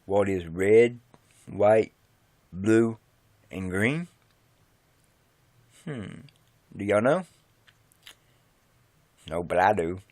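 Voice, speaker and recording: A man's voice: sits low, a little mellow, no room sound. A man from West Virginia with an Appalachian accent, singing a country song cover at home and chatting folksily between verses. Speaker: amateur singer.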